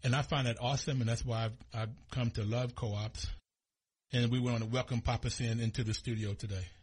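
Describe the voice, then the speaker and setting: A man's voice: medium pitch, fairly even intonation, brisk, husky. A man hosting a radio talk show, a little out of breath and enthusiastic, speaking in a studio. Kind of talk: radio interview.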